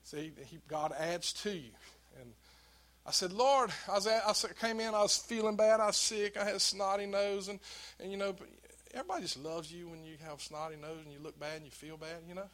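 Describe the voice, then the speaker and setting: A man's voice: a little high, a little fast, fairly bright tone. An older man preaching a sermon, telling folksy stories to the congregation and building to emphatic exhortation. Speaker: pastor.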